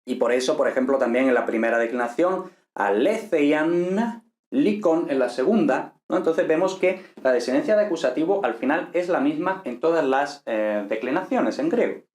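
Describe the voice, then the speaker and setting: A man teaching a grammar lesson patiently, thinking aloud and checking in with listeners as he goes. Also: fairly high pitch. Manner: patient, thinks aloud with fillers and tag questions. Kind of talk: explaining Greek grammar. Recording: echoey room.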